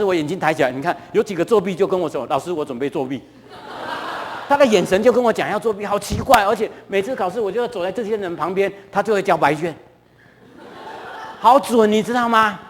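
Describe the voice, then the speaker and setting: A middle-aged man with a Taiwanese Mandarin accent tells stories to a church audience in a chatty way, often turning to ask them questions. His voice sits high for a man. The sound rings on with a long reverb from the church hall. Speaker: guest lecturer at a church. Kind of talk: lively storytelling talk to a live audience.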